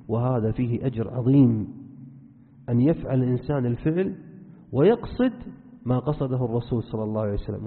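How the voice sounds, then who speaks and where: A man teaching a religious lesson as a sheikh, earnest and instructive, speaking straight to his listeners. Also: medium pitch. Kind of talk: religious lesson, explaining to students. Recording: phone-like band, long hall reverb.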